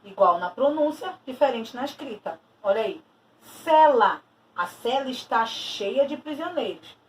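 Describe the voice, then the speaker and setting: A woman's voice: on the high side, expressive, normal speed. Woman teacher, distant mic. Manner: explanatory, repeats key terms with stressed emphasis. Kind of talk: recorded video lesson. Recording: distant mic with faint noise.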